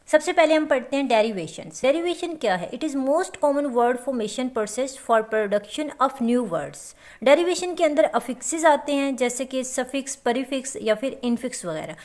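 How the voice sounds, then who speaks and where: A woman teaching a lecture to students, explaining step by step and often checking that they follow. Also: high voice. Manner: explains slowly with repeated check-ins.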